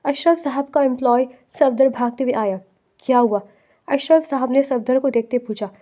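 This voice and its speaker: A woman reads a romance novel aloud in a steady storytelling manner. Her voice sits high, but its tone is dark and mellow. It is scripted narration.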